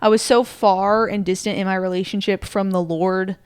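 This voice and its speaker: A young woman in her twenties chats earnestly on a podcast and thinks aloud as she goes. Her voice is smooth and clear at an ordinary pitch. The sound is dry and close. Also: steady tone, normal speed, no room sound. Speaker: podcast co-host. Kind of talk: casual reflective chat.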